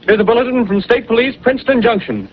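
A 1930s studio announcer with an old newsreel delivery, high, rapid voice, faint hiss under it. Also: male voice. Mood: urgent. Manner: formal, crisp bulletin-reading. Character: brisk male radio studio announcer. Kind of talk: 1930s radio drama announcing. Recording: muffled 1930s radio broadcast with faint hiss.

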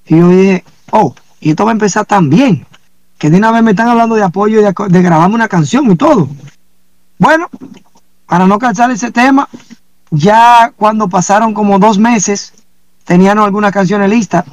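A man, a singer being interviewed, telling his story in a casual, animated way and acting out the dialogue he quotes. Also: high voice, normal speed, no room sound. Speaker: singer guest.

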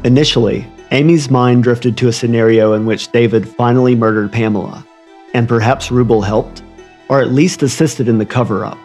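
A man's voice: medium pitch, fairly even intonation, normal speed, a little mellow. A man narrating a scripted true crime story in an ominous, literary storytelling manner. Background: music under the voice.

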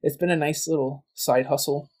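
A man's voice: on the high side, steady tone, normal speed, darkish tone. A man guesting on a podcast, chatting casually and telling stories full of quoted back-and-forth. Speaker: guest, game writer and voice actor.

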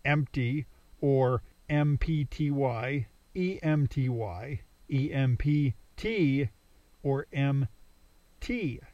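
A man's voice: mid-range voice, very slow, dark tone, no room sound, lo-fi sound. A man voicing a scruffy, muscular, cocky male thug in an audiobook drama, smug and teasing in a raised voice.

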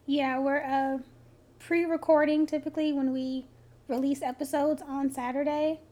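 A woman with a high-pitched voice co-hosting a podcast in casual chat, asking pointed, teasing questions. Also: little pitch movement, normal speed, warm tone. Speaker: podcast co-host.

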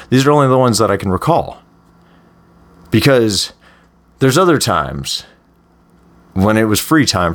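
A young man hosting a podcast, telling first-person stories in a candid, rambling, conversational way with many fillers. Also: on the low side. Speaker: podcast host.

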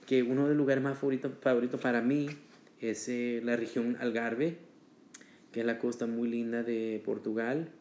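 A man's voice: mid-range voice, steady tone, normal speed, darkish tone. Chatty man in an echoey room. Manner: chatty, hesitant with fillers and restarts. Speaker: podcast guest. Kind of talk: casual podcast conversation.

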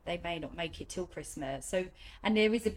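A woman, a nurse, giving informal interview answers in a hesitant, reflective way with frequent pauses. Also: lowish voice, animated, poor audio. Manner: hesitant, reflective, many pauses and "you know". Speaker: hospice nurse. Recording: light ambient background noise.

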